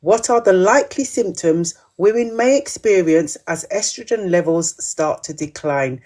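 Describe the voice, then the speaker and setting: Hosting a live quiz on menopause, this woman reads each question two times and responds chattily to what viewers write. Her lowish, mellow voice is animated and moves at a moderate pace.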